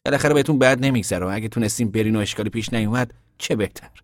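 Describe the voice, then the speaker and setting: A man voicing a steady, practical young man who lays out plans in an audiobook reading. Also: on the low side, dry recording, clean studio sound, voice pushed up, natural voice. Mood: explaining. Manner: level-headed, explaining plans. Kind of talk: audiobook character voice.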